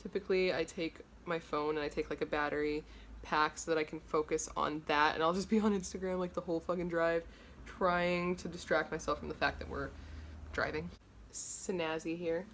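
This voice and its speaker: A woman's voice: low voice, steady tone, normal speed, fairly bright tone, slight background noise. A woman in her late twenties, from Los Angeles, chatting candidly and rambling while doing her makeup in her bedroom, swearing freely. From Los Angeles, USA. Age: 20s. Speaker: beauty vlogger. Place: bedroom, indoors. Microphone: camera in front at close range.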